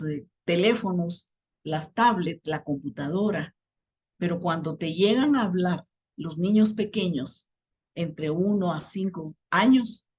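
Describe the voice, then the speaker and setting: A woman's voice: on the low side, breathy edge. A middle-aged woman teaching a counseling class on parenting, telling stories from raising her children and checking in with "right?". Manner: warm storytelling, asks "¿verdad?" often. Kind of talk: teaching talk with personal stories.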